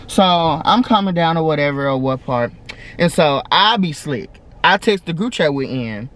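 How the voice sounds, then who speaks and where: Animated young man telling a storytime. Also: a little high, normal speed. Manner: animated, chatty, addresses viewers as y'all, laughs often. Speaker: vlogger. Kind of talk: casual storytime vlog.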